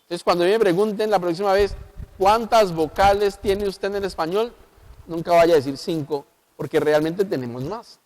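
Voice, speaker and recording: High-voiced Colombian pastor teaching. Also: male voice, moderate pace, darkish tone. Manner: explanatory, asks the audience rhetorical questions. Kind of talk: televised Bible teaching. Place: local TV studio.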